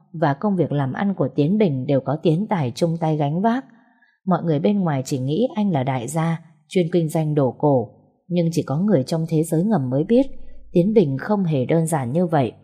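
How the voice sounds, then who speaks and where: A woman narrating an audiobook novel in a steady storytelling manner. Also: sits low, husky.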